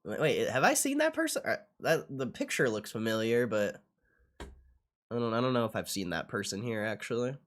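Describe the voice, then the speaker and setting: A young man speaks in a sing-song, medium-pitched voice at normal speed while chatting casually on a livestream about what's on screen. He's slangy and foul-mouthed, frequently repeating what he's just said.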